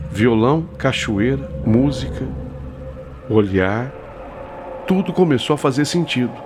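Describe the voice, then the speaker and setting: A man telling a mysterious story in the first person, in a dramatic, suspenseful way with frequent pauses. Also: mid-range voice. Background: background music.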